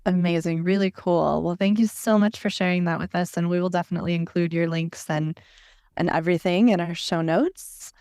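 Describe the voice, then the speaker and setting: Upbeat woman co-hosting a podcast, gravelly edge. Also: lowish voice, steady tone, brisk, a little mellow, dry recording, clean studio sound. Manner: upbeat, welcoming. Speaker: podcast co-host. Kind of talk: casual podcast chat.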